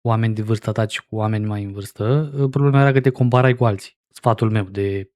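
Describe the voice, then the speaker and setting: A man's voice: on the low side, a little mellow. A man in his forties giving casual, sarcastic reaction commentary as a streamer. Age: 40s. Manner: sarcastic, mocking.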